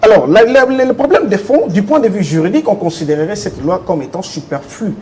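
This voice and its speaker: Man, lively emphatic speech. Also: sits high, fairly quick, a little hiss or hum. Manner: insistent, rhetorical questions, emphatic. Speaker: interviewee, legal commentator. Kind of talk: argumentative interview answers.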